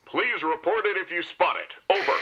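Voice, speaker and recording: An actor playing a stern police inspector in a cartoon, speaking over a tinny walkie-talkie radio in clipped official calls. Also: male voice, sits high, expressive, a little fast, creaky, bright, forceful tone, slightly rough, exaggerated voice. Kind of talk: cartoon dub acting. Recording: dull lo-fi walkie-talkie sound.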